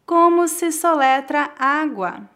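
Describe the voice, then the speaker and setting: A Brazilian Portuguese teacher with a high, slightly bright voice gives a slow pronunciation lesson on her channel. She enunciates every word with clear, deliberate care so learners can repeat after her, and her intonation stays lively.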